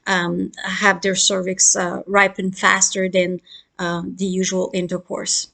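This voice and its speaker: A woman's voice: medium pitch, completely flat delivery, measured pace, gravelly, bright, forceful tone. A middle-aged woman obstetrician giving a casual explanatory talk, chatty, with many fillers and laughs between points.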